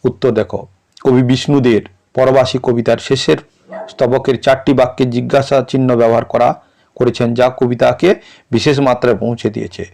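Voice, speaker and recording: A male tutor with a gravelly, creaky voice. He reads model answers aloud and breaks words into syllables in a measured, teacherly way. His pitch sits in an ordinary middle range. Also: fairly even intonation, darkish tone. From West Bengal. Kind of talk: reading out and explaining exam answers.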